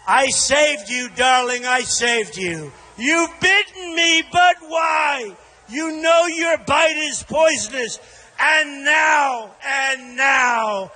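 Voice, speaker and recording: A man's voice: extremely high pitch, sharp tone, pitched above the performer's own voice, exaggerated voice. An American man voicing a trusting, tender-hearted woman melodramatically, in a verse fable recited as a rally speech. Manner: drawn-out, melodramatic. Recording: large echoing hall over PA.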